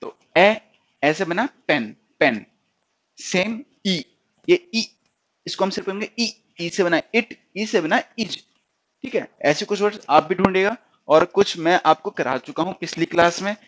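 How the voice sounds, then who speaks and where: A male stenography teacher giving a classroom lesson. He explains slowly, repeats sounds and words for the class to drill, keeps checking with "okay?", and says words. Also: high voice, fairly bright tone.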